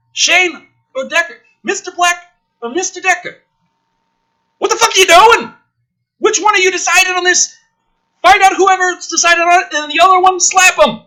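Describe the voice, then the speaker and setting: A host with a very high voice reads a film script draft aloud while adding angry, exasperated, sweary commentary. He breaks into theatrical outbursts and yelling, mixing ranting with dramatic script reading.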